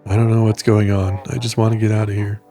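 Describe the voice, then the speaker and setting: A man's voice: lowish voice, little pitch movement, fast talker, warm tone, faint music behind. An actor playing a frightened man who breaks into a radio broadcast with a desperate, pleading warning.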